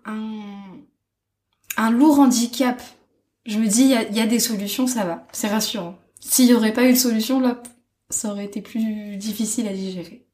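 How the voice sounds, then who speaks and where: A young stay-at-home mother in her 20s gives casual personal testimony as an interview guest. She speaks at medium pitch, halting and thoughtful, trailing off with soft fillers.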